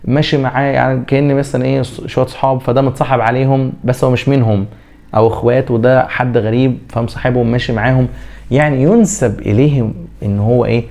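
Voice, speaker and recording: A man with an Egyptian Arabic accent teaching a French pronunciation lesson, drawing out example words slowly and answering his own questions. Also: mid-range voice, steady tone, vocal fry, darkish tone. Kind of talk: classroom lesson.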